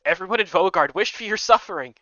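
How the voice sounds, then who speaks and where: A man voicing a gleeful, cracking star-like being from a game, loud and forcing cheer. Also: high voice, lively intonation, fast, dry recording, pitched above the performer's own voice. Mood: manic cheer. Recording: dull lo-fi recording.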